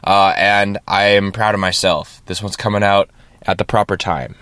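A cold makes this podcast host sound stuffy and nasal as he rambles through a casual solo show, frequently tagging on "right?" His voice is on the low side with a fairly bright, clean tone. The recording from his studio podcast microphone is dry.

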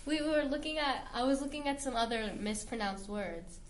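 A woman's voice: high-pitched, slight background noise. A teenage girl, a podcast guest, chatting casually and laughing while she argues over how words are said. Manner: giggly, quick to debate pronunciations. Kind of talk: casual chat.

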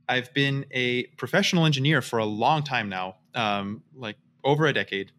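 A man's voice: mid-range voice, a bit bright. Man rambling through a casual interview. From Austria, raised in the US. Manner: rambling, many restarts and fillers. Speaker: guest, startup founder.

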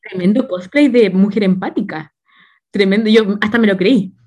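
A woman's voice: mid-range voice, moderate pace, mellow, slightly rough. A woman with a Chilean accent chatting casually, telling stories in a slangy, laughing way. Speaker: podcast co-host. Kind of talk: casual chat.

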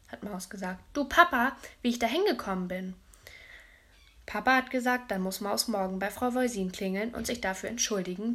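A woman narrating a children's audiobook as a young girl telling her own story. Her telling is lively and chatty, with a mid-range voice. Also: mid-range voice. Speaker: audiobook reader.

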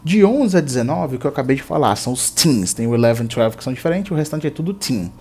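A man teaching English in a patient, step-by-step language lesson, repeating words slowly for practice. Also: medium pitch, sing-song, darkish tone, husky.

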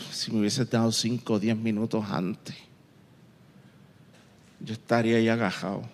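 A man preaching a sermon, telling a story with lively sound effects and quoted voices. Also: medium pitch. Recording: long reverb in a large hall.

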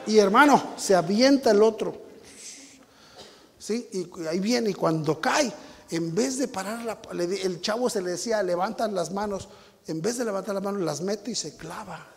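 A man with a Mexican Spanish accent preaching a sermon, telling a personal story with sound effects and building to shouted appeals. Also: high-pitched, moderate pace, vocal fry, big-room sound.

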